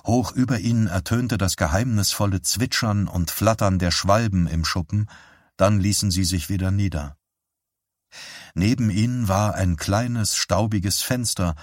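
A male audiobook narrator reads in a calm, measured way. His voice is very deep, with a husky edge. The recording is dry and close, with no room echo. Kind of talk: scripted narration.

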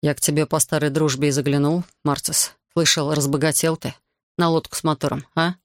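A man voicing a calm, wry official. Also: fairly high pitch, brisk, no room sound, clean studio sound, close to an everyday voice. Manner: even, quietly ironic. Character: calm, wry male official, sober and composed.

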